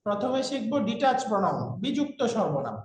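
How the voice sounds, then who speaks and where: A man's voice: sits high, big pitch swings, quick pace. A man teaching an online language class, drilling vocabulary with a repeated chanting rhythm over a video call. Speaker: Arabic teacher. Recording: echoey room sound.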